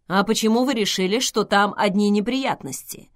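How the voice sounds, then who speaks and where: A woman reading as a calm, logical young man. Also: mid-range voice, normal speed, lightly acted. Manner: calm, reasonable.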